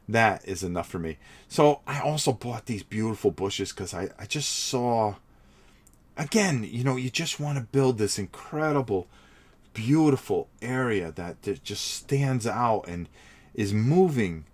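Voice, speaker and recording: Painting on a hobby livestream, a middle-aged man with a cold talks casually to his viewers, sniffling, rambling, and repeating himself. His voice is lowish, with lively intonation and an unhurried pace.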